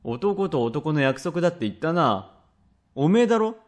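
A man voicing a rough, quick-tempered father from old Edo, speaking blunt old Edo Tokyo speech in a rakugo tale. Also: a little high, big pitch swings. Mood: irritated. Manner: gruff, blunt, grumbling. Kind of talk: rakugo storytelling.

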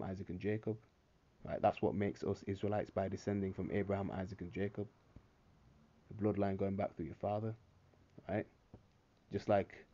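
The recording is muffled, and the man's mellow voice sits low. He narrates a screen recording with preachy religious commentary on articles and scripture, checking in with "all right?" over and over.

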